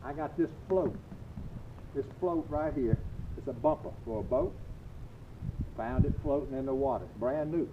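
An older man with a Cajun accent gives a folksy, humorous demonstration to camera, speaking deliberately in short phrases with drawn-out emphasis. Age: older, 60s-70s. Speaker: coach presenting a home video. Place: waterside backyard dock, outdoors. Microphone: camera a few metres away. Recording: tinny narrow-band outdoor audio, rumbling noise.

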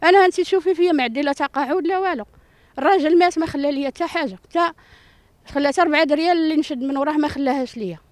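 Older moroccan woman, really rapid high voice, upset n pleading in an interview, dry close mic. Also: dry recording. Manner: distressed, pleading, repetitive. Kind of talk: street interview testimony. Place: outdoor rubble-strewn yard. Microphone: handheld reporter microphone.

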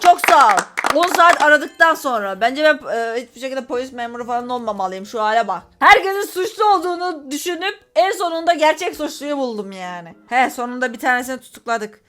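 A woman doing let's-play commentary on a game, excitable and often exasperated, talking straight to her viewers. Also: on the high side. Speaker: gaming YouTuber.

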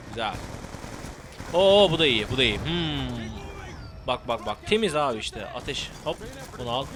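A young man narrating his own gameplay in a let's play, swearing freely and cracking jokes as he goes. His voice sits at an ordinary pitch, jumping into sudden excited shouts before dropping back to muttered remarks. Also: noisy background. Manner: profane, excitable, joking running commentary. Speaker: gameplay commentator.

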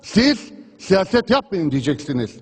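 Speaking from the rostrum microphone in a parliament chamber, a member of parliament gives an impassioned speech, hammering a repeated refrain and pressing on through interruptions. His high, husky voice swings widely in pitch at a measured pace, and the large chamber adds a long hall reverb.

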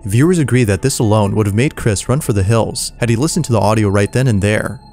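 A man narrating a scary video compilation in a measured, suspenseful scripted voice-over. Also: lowish voice, a little mellow, faint music behind.

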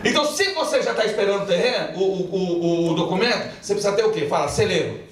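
A man's voice: sits high, lively intonation, fast. A male pastor, preaching a call-and-response sermon and mixing in jokes while he gets the congregation to repeat after him. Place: large church hall with congregation. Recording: echoey church hall, from far off, crowd audible.

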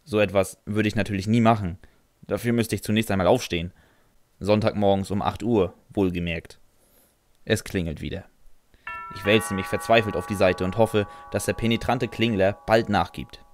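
A man's voice: fairly low pitch, steady tone, moderate pace. A man narrating a first-person fan audio drama in a dry, sardonic way, answering with hesitant "äh"s.

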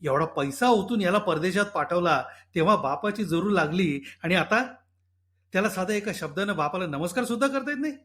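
A bitter, short-tempered middle-aged father, as a male story reader puts him on, scolding loudly from an audiobook. The voice sits high for a man and pushes hard on every complaint. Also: lively intonation, brisk. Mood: resentful.

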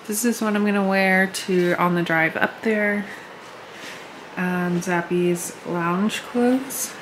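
A woman's voice: medium pitch, takes it slowly, noisy background. A woman in her thirties chatting casually at home as she lists what she is packing for a trip, a bit short of breath from a flu. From United States. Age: 30s. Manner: chatty, lists items as she shows them. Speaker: vlogger. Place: home living room, indoors.

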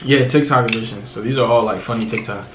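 A man's voice: mid-range voice, fast talker. Joking young man in an echoey room. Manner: joking, laughing, slips into Spanish. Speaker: YouTuber. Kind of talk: casual chat. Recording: echoey room with loud noise.

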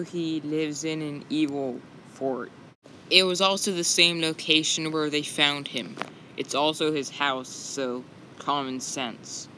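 A man narrating a comic cartoon deadpan, with deliberate, drawn-out phrasing, on a hissy home recording. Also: on the high side, rough recording.

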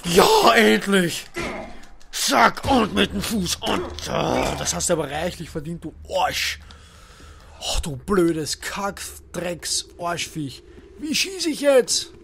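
A man commentating a horror game as he plays, swearing and shouting at enemies. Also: sits high, big pitch swings, takes it slowly, creaky, a little hiss or hum. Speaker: let's play gamer.

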